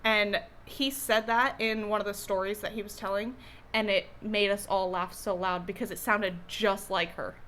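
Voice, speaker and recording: This eating-vlog co-host, a young woman, has a mid-range, fairly bright voice with fairly even intonation and a normal pace. She rambles casually over her food, hesitating with fillers and restarts, and there's a little hiss or hum in the recording.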